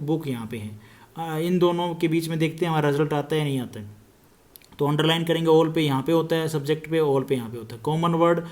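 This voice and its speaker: A man teaching an exam-prep reasoning lesson, explaining step by step and slowly repeating each statement, with terms. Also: fairly high pitch.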